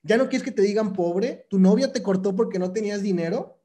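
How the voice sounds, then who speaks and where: Mellow high-voiced Mexican man, emphatic. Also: a little fast. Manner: casual, slangy, emphatic with repetition. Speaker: motivational speaker. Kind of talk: motivational monologue.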